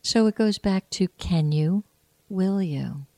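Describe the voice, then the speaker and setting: Slow, mellow-voiced woman giving spiritual encouragement. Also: fairly low pitch, dry recording. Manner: earnest, measured and heartfelt. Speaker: host. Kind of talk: spiritual inspirational talk.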